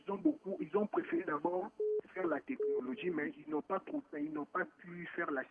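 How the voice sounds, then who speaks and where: On a radio phone-in, a man born in Morocco talks casually and meanders, restarting often and switching between French and Lingala. His voice sits on the high side, sing-song and a little fast, with a breathy edge.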